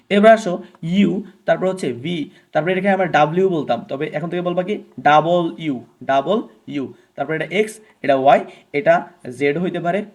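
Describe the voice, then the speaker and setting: Man teaching a basic grammar lesson. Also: fairly high pitch. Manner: asks questions and answers them himself; repeats sounds slowly for students to copy. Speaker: English teacher.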